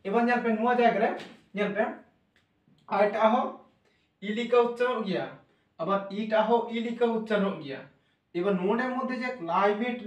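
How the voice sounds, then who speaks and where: A man with a high voice teaches pronunciation. He slows down to spell out sounds letter by letter. The mic sits some way off in a reverberant room. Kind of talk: classroom-style lesson. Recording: echoey room, voice from a distance.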